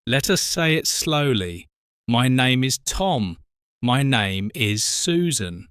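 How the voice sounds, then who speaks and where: A British man in his forties co-hosting an English lesson podcast, speaking slowly and clearly for learners. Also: mid-range voice, big pitch swings, a bit bright, no room sound, studio quality. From Britain. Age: 40s. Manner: slow, careful, spells out words. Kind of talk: slow scripted teaching talk.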